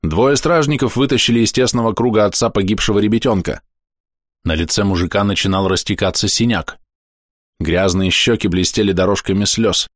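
Man, fairly low voice, audiobook narration, measured storytelling, dramatic pauses, dry booth sound. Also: no room sound. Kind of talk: scripted fantasy audiobook narration.

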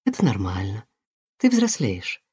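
A wise mother cat comforts her son in a lowered, soft and tender voice, as a male narrator puts her on. Her words come calm and soothing, read close and dry like a storybook. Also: measured pace, husky, no room sound, full character voice. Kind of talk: audiobook character voice.

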